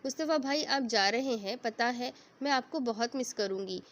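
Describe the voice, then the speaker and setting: Woman narrator voicing a cheeky talkative girl, slightly high voice. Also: normal speed, close to an everyday voice. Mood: playful. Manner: playful, bossy chatter. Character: lively teasing young girl, chatterbox.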